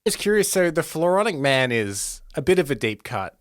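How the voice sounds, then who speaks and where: A man hosting a podcast, casually retelling a film script with animated delivery and frequent laughs. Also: on the high side, moderate pace, dry recording. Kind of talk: casual storytelling chat.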